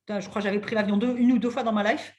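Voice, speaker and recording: A woman in her thirties hosting a podcast interview, talking in an animated, casual way with lots of fillers. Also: mid-range voice, rapid-fire. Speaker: podcast host and coach.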